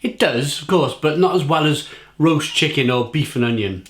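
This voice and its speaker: A man giving a casual, rambling snack review, munching crisps between phrases and repeating himself for mock-dramatic emphasis. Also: a little high, expressive, normal speed. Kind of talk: casual food tasting review to camera. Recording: echoey room, faint noise, packet crinkling. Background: crisp packet crinkling and crunching.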